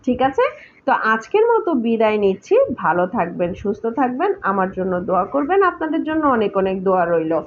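A woman's voice: mid-range voice, big pitch swings, a little fast, phone-quality sound, slight background noise. A woman teaching a language in a casual video lesson, who talks chattily and asks and answers her own questions.

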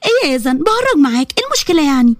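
A woman's voice: high voice, very animated, rapid-fire, no room sound, studio quality. A woman voicing a spoiled young sister with an Egyptian accent, whiny and pleading.

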